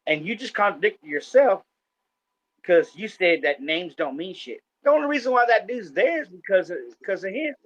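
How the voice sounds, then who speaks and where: A man's voice: high voice, lively intonation, moderate pace, a bit bright, no echo. Rambling man telling a story. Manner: rambling storyteller, many fillers and restarts. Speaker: podcast co-host. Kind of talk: casual chat. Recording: dull lo-fi sound.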